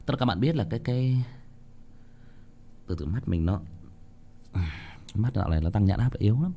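Man, casual ghost story telling, rambling with restarts, talks right to listeners, expressive rising and falling pitch. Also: normal speed, a little hiss or hum. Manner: rambling, many restarts and repeated words, addresses listeners directly.

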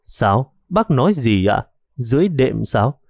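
A man's voice: mid-range voice, sing-song, a little slow, vocal fry, darkish tone, dry recording, studio quality, heavily acted. A man voicing an agitated police detective who questions an old woman insistently in an audiobook. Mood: urgent. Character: agitated young male police detective, pushy.

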